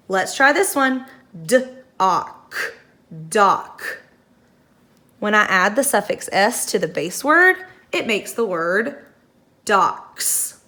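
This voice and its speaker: A young woman teaching phonics to first graders, slowly sounding out letters and words and praising the class. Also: mid-range voice, sharp tone. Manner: encouraging praise. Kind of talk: phonics lesson for young children.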